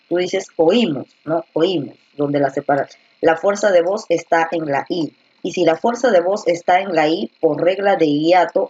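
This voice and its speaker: Woman teaching slowly over a lo-fi call. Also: lowish voice, a little mellow, husky, no room sound. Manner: explains patiently, repeats words slowly to stress syllables. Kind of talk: online class explanation. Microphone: computer or headset mic on a video call. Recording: dull dry lo-fi online class audio.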